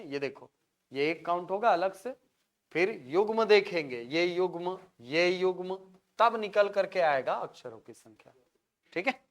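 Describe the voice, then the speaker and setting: High-voiced Hindi teacher drilling a class. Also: male voice, fairly bright tone. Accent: Chhattisgarhi Hindi. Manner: drills syllables aloud, often checks if students follow. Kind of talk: classroom lecture. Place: classroom with board.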